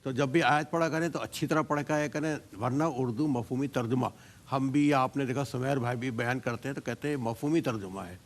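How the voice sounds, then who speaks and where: Measured, encouraging male debate judge. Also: mid-range voice. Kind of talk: giving feedback to students. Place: TV studio.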